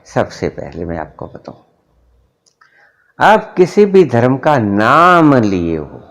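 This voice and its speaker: A middle-aged man giving a spiritual discourse, deliberate and emphatic, his voice rising and dropping sharply to make a point. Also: medium pitch, huge pitch swings. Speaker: spiritual teacher.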